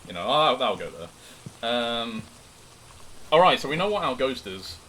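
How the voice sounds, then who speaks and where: Excitable guy streaming a spooky game, bright voice swinging up and down, some background noise. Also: medium pitch, unhurried, rough recording. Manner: animated, excitable, jokey asides. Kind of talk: live horror game commentary, casual chat to viewers.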